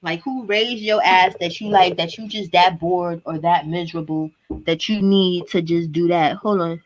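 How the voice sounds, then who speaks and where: A woman's voice: fairly low pitch, steady tone, moderate pace, dull audio. A woman hosting a casual podcast chat over an online call, talking loosely and profanely and rambling with frequent laughter. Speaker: host.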